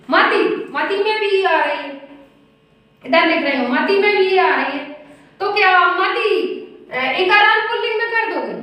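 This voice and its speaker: A woman's voice: very high-pitched, sharp tone. A woman teaching Sanskrit grammar, reciting word forms in a rhythmic drill and often checking in with "ठीक है". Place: room, writing on a board. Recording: very echoey room, voice from a distance.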